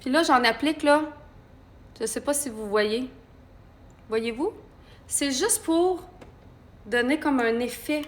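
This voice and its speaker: A woman with a high voice and a Québécois French accent speaks slowly, leaving long pauses, with a faint hiss or hum in the background. She's a makeup artist hosting a chatty live tutorial, guiding viewers through every step.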